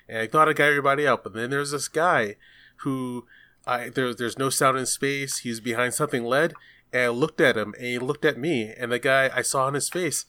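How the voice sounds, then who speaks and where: A man's voice: mid-range voice, no echo. A man in casual podcast chat, telling stories with acted-out quotes. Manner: animated storyteller, acts out quotes.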